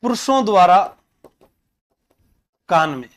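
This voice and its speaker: A man's voice: high voice, big pitch swings, takes it slowly. A man teaching an exam-prep lesson, playfully drilling memory tricks by repeating words. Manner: playful, drills terms by repetition.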